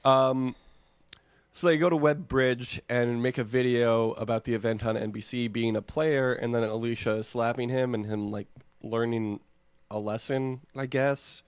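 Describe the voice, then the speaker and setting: Dude from michigan joking around recapping tv, sarcastic, dry mic. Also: male voice, medium pitch, fairly even intonation, measured pace, clear, resonant tone, dry recording. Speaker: podcast co-host. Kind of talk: casual chat recapping a reality show.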